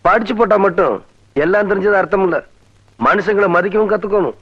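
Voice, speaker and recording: An actor playing a village man who calmly lectures about respect in a film scene. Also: high voice, fast, husky, dry recording. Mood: stern. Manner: calm moralizing lecture. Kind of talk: film dialogue. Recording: dull film soundtrack with music.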